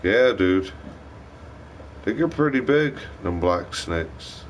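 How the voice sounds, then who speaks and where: Rambling low-voiced man on a livestream. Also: expressive, slow pace, slight background noise. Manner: rambling, profane storytelling. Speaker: livestream host. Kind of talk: casual livestream chat.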